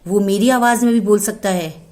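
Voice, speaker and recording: A woman voicing a caring, protective mother goat in a told folk tale, calling out loudly and urgently. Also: moderate pace, close to an everyday voice. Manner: loud, high, urgent calling.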